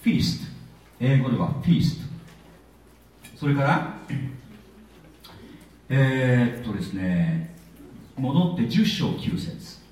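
A man preaching a sermon in a chatty, lively way, with plenty of filler words. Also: medium pitch, slow, long pauses. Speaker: pastor. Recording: echoey hall, voice from far off.

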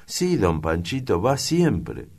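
Male reader doing a sweet, innocent young ranch girl; pitched up, audiobook. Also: huge pitch swings, slow, vocal fry, a little mellow, exaggerated voice. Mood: anxious.

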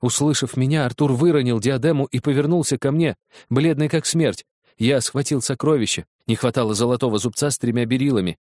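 A man reading a story aloud in the first person, in measured storytelling narration. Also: medium pitch, darkish tone, no room sound, clean studio sound. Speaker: audiobook reader.

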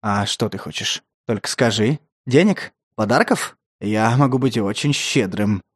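A man voicing a lecherous, menacing older stepfather who talks in a wheedling, breathy way. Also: fairly low pitch, unhurried, no echo, clean studio sound, pitched below the performer's own voice. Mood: leering. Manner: wheedling, breathy, then snarling.

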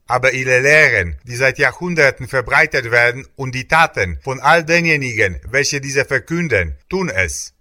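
A man giving scripted religious narration, reading scripture and commentary in a steady, solemn way. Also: mid-range voice.

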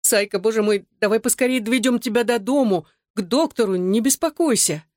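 Woman reading a panicky girl, higher pitched, quick and pushing, dry sound. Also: darkish tone, dry recording, lightly acted. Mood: anxious coaxing. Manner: urgent, pushing. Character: scared, insistent young girl.

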